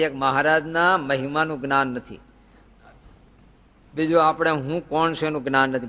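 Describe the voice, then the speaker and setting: A man's voice: fairly high pitch, fairly bright tone. A man giving a devotional sermon, asking rhetorical questions and telling folksy anecdotes. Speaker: spiritual teacher. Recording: long reverb in a hall.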